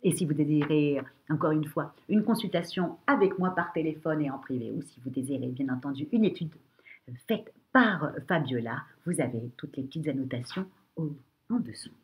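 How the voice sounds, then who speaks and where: A woman with a broken, cracking, rather weak voice gives an informal horoscope to viewers as an astrologer, emphatic but halting, often repeating herself. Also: low voice, animated, a little mellow. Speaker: astrologer giving a monthly horoscope.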